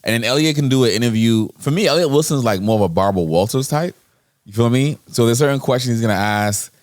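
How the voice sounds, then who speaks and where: A man with a New York accent, co-hosting a casual hip hop podcast and giving laid-back, measured opinions. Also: medium pitch, animated, darkish tone, no echo, studio quality. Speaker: podcast co-host. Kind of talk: casual chat.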